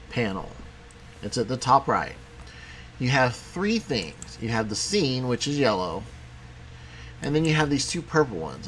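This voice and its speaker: A man teaching a programming lesson in a casual, conversational way, talking as he clicks through software. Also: mid-range voice, slight background noise. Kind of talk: screen-recorded coding tutorial.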